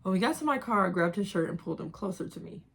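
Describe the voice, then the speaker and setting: A woman's voice: mid-range voice, expressive, fast, husky. A young woman reading her own old writing aloud in an embarrassed, giggly, self-mocking way, casually breaking off to comment. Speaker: reader of own old fan fiction.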